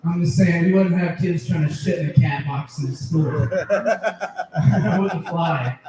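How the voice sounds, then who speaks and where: A stand-up comedian performs a crude, profanity-heavy set on a comedy club stage before an audience, chuckling at his own jokes. His voice is a little high and slow, with crowd noise around him. The handheld stage mic picks him up from a distance in an echoey room.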